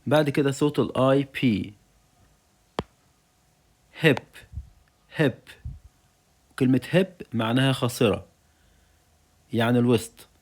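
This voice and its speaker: A man's voice: medium pitch, normal speed, a little mellow. A man with an Egyptian Arabic accent teaching English vocabulary to young children, saying each word twice and then giving its meaning.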